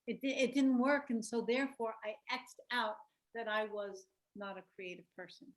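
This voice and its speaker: A woman's voice: fairly high pitch, normal speed. A woman presenting an online workshop on a video call, talking reflectively, telling stories and asking the group questions.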